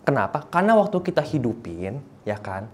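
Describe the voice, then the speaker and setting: A young man preaching a lively sermon, animated, slipping into English phrases and acting out little voices, often rising to near shouting. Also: medium pitch, brisk. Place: church hall.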